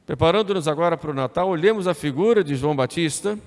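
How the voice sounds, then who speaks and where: A man's voice: on the high side, fast. A male priest delivering a homily in a conversational sermon style, repeating phrases and adding tag questions as he speaks. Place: church. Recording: echoey church with long reverb.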